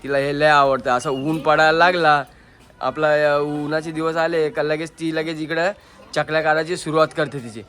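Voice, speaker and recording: A man's voice: on the high side, steady tone, moderate pace, a bit bright. A man vlogging casually with a handheld phone camera, chatting directly to his viewers as he moves around town outdoors and in his vehicle. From Maharashtra, India. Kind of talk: casual vlog narration. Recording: noisy outdoor street recording.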